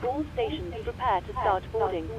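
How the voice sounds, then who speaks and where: A woman's voice: on the high side, animated, moderate pace, dull audio, noisy background. A woman speaking as cabin crew over a crew radio, giving polite, scripted boarding calls. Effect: over a crew radio or interphone. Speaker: cabin crew in a flight sim.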